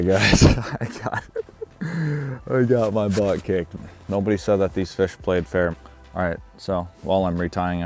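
A man hosting a fishing vlog outdoors on a river, chatting casually and explaining his rig and knot step by step. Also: sits low. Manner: relaxed, chatty, instructive. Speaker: fishing guide and vlog host.

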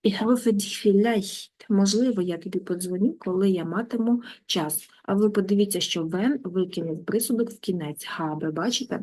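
Female language teacher with a relaxed, mellow voice who spells out German slowly before translating. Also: medium pitch. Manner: reads German phrases slowly, then translates. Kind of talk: language lesson.

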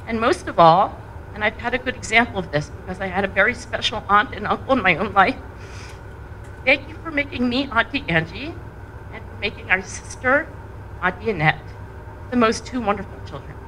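A woman's voice: mid-range voice, animated, a little fast, pushed and bright, slight background noise, rough recording. A woman speaking at a memorial, earnestly thanking a departed family member. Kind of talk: memorial tribute speech. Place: event room at a college campus.

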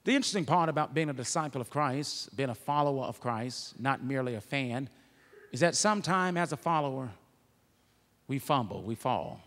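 A man preaching a sermon as pastor, moving from quiet, conversational asides to loud, shouted peaks. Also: medium pitch, lively intonation, brisk, long reverb tail. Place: church sanctuary.

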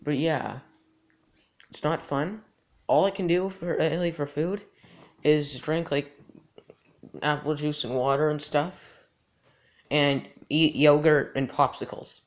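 Higher-pitched teenage guy, halting casual chat. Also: fairly even intonation. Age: teens. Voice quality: slightly restricted mouth after dental surgery. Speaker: gaming channel host. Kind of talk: casual vlog chat to camera. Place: indoors in a house. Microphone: handheld device at arm's length.

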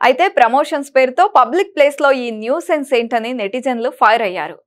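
A woman presenting entertainment news, reading a script in a brisk, even manner. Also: high-pitched.

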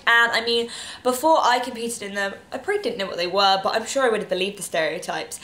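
A woman's voice: fairly high pitch, pushed and bright. Poised young English woman, echoey room. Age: late teens. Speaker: pageant titleholder and video host. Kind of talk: chatty talk to camera. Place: bedroom, indoors.

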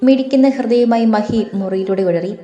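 Woman narrating a romance story, mellow and roomy. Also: a little high, a little fast. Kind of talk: scripted narration of a romance audiobook. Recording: echoey room, faint music.

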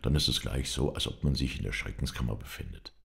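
A man's voice: extremely low pitch, quick pace, gravelly, a bit bright, exaggerated voice. A man voicing a talkative, teasing young English lord in a storybook reading. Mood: chatty.

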